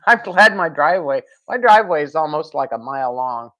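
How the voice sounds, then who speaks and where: A woman's voice: sits low, fairly bright tone, highs cut off. A woman hosting a casual live stream from home, rambling, laughing and answering viewer comments.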